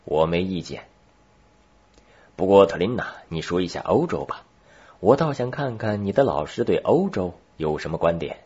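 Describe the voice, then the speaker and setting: A man voicing an excitable middle-aged French geographer who questions with sarcastic irony in an audiobook. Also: deep voice, moderate pace, husky, full character voice. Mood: ironic. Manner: sarcastic, increasingly agitated questioning. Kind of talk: audiobook character reading. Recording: dull lo-fi recording.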